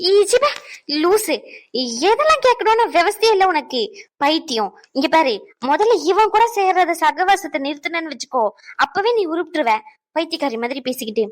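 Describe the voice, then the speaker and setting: A woman's voice: very high voice, big pitch swings, moderate pace. Woman voicing an exasperated cartoon girl. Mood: annoyed. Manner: scolding, exasperated. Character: irritated young woman, sharp-tongued, easily annoyed. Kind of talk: cartoon voice acting.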